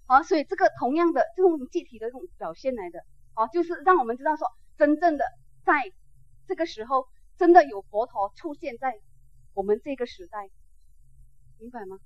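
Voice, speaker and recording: Teaching about Buddhism, this woman speaks fairly quickly in a high-sitting voice with lively intonation. Her delivery is conversational and full of fillers, and she repeatedly checks whether listeners follow, captured on a dull, dry lo-fi recording.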